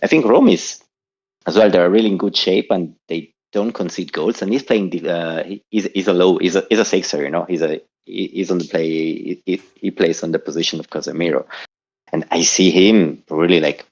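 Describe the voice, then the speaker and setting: A man from southern Switzerland, a native Italian speaker, calls in to a show from his home in Zurich and chats casually, rambling and restarting often. His voice sits low with a darkish tone, he talks briskly, and the recording is muffled.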